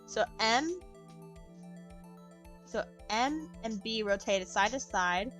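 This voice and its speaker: A woman's voice: a little high, expressive, slow, a bit bright, faint music behind. A woman streamer reading a game's dialogue aloud, voicing each character with small shifts and adding her own commentary. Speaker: game streamer.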